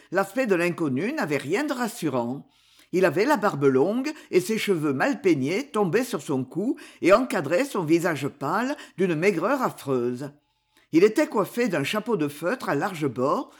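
An audiobook narrator reading a nineteenth-century style novel aloud. The delivery is expressive, with a lively, wide-ranging melody over a mid pitch. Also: husky. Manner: expressive storytelling. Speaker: audiobook reader. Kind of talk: scripted literary narration.

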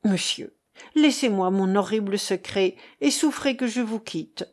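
A woman's voice: mid-range voice, measured pace, a little mellow, close to an everyday voice. A woman reading the part of an old male harper who is guilt-haunted, fearful and pleading, within a storybook narration. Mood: anguished pleading. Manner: anguished, pleading.

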